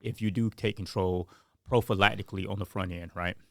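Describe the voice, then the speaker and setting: A man's voice: deep voice, fairly even intonation, fairly quick, vocal fry, dry recording, clean studio sound. A man co-hosting a podcast in casual chat, rambling and filling his talk with "like" and "um". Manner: rambling, heavy on fillers like "like" and "um". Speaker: podcast co-host.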